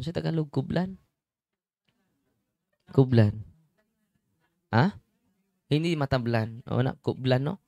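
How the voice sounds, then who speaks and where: A man's voice: a little high, vocal fry, no room sound, studio quality. A middle-aged man, a priest and exorcist, giving a chatty sermon and often checking in with his listeners. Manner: chatty, keeps checking in with the congregation. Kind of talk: conversational sermon.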